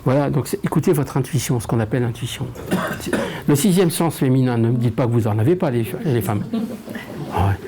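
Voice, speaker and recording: A man's voice: medium pitch, fairly quick, background noise. A French man working as a medium, chatting and joking with an audience. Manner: chatty, joking, drops to a whisper. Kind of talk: public medium session.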